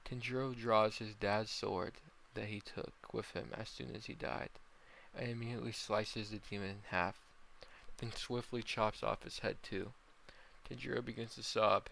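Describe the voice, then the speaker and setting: A young man reads a fan-fiction story aloud in a plain, slightly halting way. His low voice has a gravelly fry but still sounds bright and forceful, with a faint hiss of noise under it. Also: fairly even intonation, low-quality recording. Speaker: narrator.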